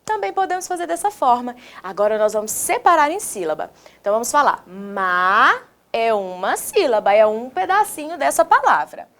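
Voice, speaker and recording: High-voiced Brazilian teacher sounding out syllables. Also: female voice, big pitch swings. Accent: Brazilian Portuguese. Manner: slow, exaggerated syllable-by-syllable pronunciation with questions to the viewers; sing-song, encouraging teacher talk. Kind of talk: recorded classroom video lesson for young children.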